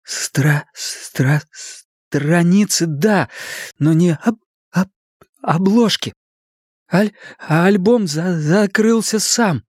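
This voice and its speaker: A man's voice: high-pitched, drawn-out words, breathy edge, dry recording, clean studio sound, pitched above the performer's own voice, heavily acted. Man voicing a stammering frightened boy. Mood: uneasy. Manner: stutters on first syllables.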